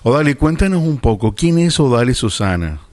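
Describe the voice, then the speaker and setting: A man's voice: mid-range voice, big pitch swings, normal speed, darkish tone. A man hosting a radio show, introducing and questioning his guest in a friendly, informal way. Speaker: radio host. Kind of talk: radio interview.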